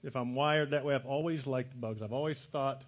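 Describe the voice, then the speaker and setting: A man's voice: mid-range voice, fairly quick, highs cut off. A middle-aged American man from Louisiana preaching casually and humorously to a congregation in a jittery, over-caffeinated way, jumping between broken phrases. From Louisiana, American South.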